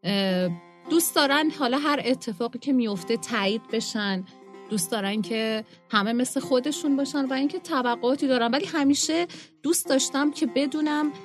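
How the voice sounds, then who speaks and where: A woman hosting a radio talk show, chatting in a lively, playful way from the studio. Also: sits high, soft background music. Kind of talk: casual radio chat.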